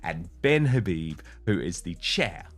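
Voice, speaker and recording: Low-voiced guy running a panel show, chatty, tosses in quick asides. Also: big pitch swings. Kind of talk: hosting a panel discussion.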